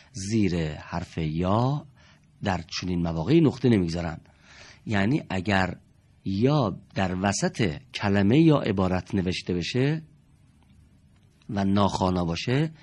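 Husky-voiced male teacher. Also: on the low side, a little mellow. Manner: patient, explains step by step, repeats key terms. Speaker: Quran reading teacher. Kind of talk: classroom lesson.

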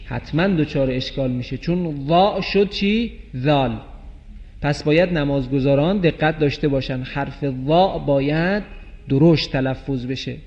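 A man teaching Quranic letter pronunciation, explaining clearly and chanting example words slowly, in a dull recording with long reverb. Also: fairly high pitch, darkish tone. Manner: slow drawn-out chanted recitation of example words. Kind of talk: tajweed pronunciation lesson.

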